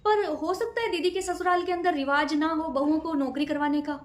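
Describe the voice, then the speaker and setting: A woman's voice: high voice, steady tone, brisk, natural voice. Woman playing a pleading young daughter-in-law. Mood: polite. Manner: pleading, politely arguing. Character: young educated daughter-in-law wanting a job. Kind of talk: comedy skit acting. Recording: echoey room.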